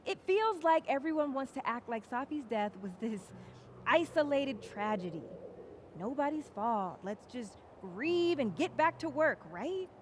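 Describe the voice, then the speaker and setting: Fed-up young college student, higher voice, earnest and pointed. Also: female voice, sing-song, a little slow, a little hiss or hum. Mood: frustrated. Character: outspoken young woman student, earnest and frustrated. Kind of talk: video game voice acting.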